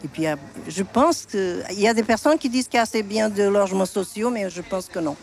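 Older woman, gravelly voice, Portuguese origin, frank and plain-spoken, street interview. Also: mid-range voice, a little fast, a little hiss or hum.

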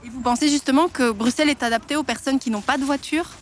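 A woman interviewer with a slightly high voice fires off probing questions at a quick clip. She keeps the conversation moving, and a faint hiss of noise lies under her voice.

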